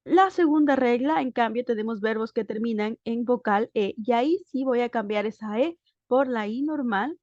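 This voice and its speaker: A woman's voice: a little high, normal speed, darkish tone, no room sound. A woman teacher giving a recorded lesson, explaining step by step with patient checking questions. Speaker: English teacher. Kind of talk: recorded grammar lesson over slides. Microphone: voice-over on a screen recording. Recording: dull, dry lo-fi sound.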